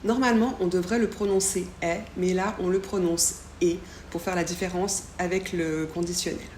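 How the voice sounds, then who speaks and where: A woman's voice: lowish voice, steady tone, normal speed, a little mellow. A woman hosting a language channel, carefully explaining grammar and pronunciation step by step. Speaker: French teacher and channel host. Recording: echoey room with faint background hum.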